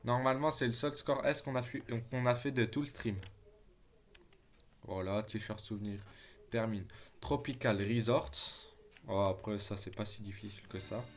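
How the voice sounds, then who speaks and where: A lowish male voice speaks at a moderate pace in casual gameplay commentary. He's streaming a game, chatting excitedly with viewers, calling them "les gars," and swearing when the game frustrates him.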